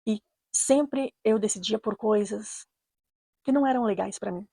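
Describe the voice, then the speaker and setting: Woman, Brazilian Portuguese accent, warm dark tone, husky, dry close sound, earnest personal storytelling. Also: medium pitch, no echo. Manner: earnest, measured, repeats phrases for emphasis. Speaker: storyteller, channel host. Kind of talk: personal true-story narration.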